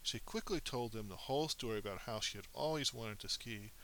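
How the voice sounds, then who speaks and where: A man narrating a children's story in an animated, expressive reading with small slips. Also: mid-range voice, brisk, slight background noise, rough recording.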